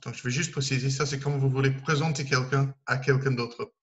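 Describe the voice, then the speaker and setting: A man's voice: mid-range voice, steady tone, a little fast, highs cut off. A man teaching a recorded online English lesson, explaining step by step and counting down aloud for his learners.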